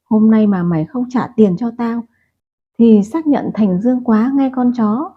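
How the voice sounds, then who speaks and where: A brutal loan-shark gang boss, crude and abusive, spitting threats, as a woman reads him out. The voice sits a little high and sounds husky. It comes through tinny, phone-like audio. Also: a little slow. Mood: menacing.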